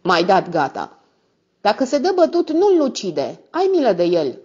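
A woman's voice: lowish voice, big pitch swings, darkish tone, breathy edge, highs cut off. A woman voicing a frightened young female street singer, pleading and breathless.

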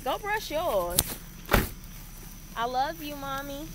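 In a high voice with big pitch swings, a young woman speaks slowly while casually vlogging to a phone held at arm's length. She's playful and teasing, in a car and then a small room, and heavy background noise fills the clip.

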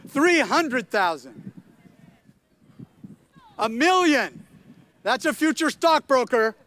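A man's voice: extremely high pitch, big pitch swings, takes it slowly, bright, forceful tone, slight background noise. An older man giving a playful outdoor commencement speech at a podium mic, quizzing the audience. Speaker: commencement speaker. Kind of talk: lively speech to a crowd. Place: outdoor stadium ceremony.

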